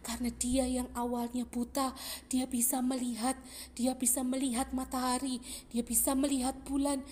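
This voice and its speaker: A woman narrating a Bible story for children in a lively, expressive way. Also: high voice, normal speed, a little hiss or hum.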